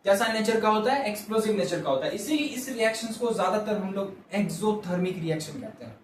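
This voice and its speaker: A male science teacher lectures at the board, repeating key terms and asking and answering his own questions. His high-pitched voice is lively and fast. The mic is far off in a very echoey room, with a little hiss or hum.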